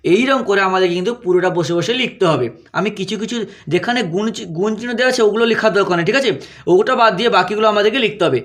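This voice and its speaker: A man teaching a first-grade lesson, slowly chanting letter and vowel-sign sounds one by one and checking in with the pupils. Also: sits high, fairly bright tone. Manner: slow sing-song drilling of letter sounds; keeps checking "all right?" with the pupils. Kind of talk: primary school lesson walkthrough.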